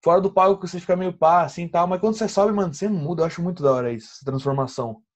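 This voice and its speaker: A man's voice: high voice, racing. A young Brazilian man hosting a casual podcast, talking as an eager, slangy fan with lots of fillers.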